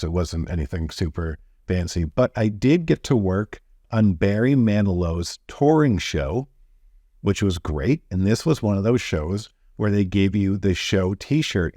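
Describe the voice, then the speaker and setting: Man hosting a show, rambling casual stories, low voice, dry close sound. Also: a little mellow, no echo. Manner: rambling, self-deprecating storytelling. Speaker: show host. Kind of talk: casual chat.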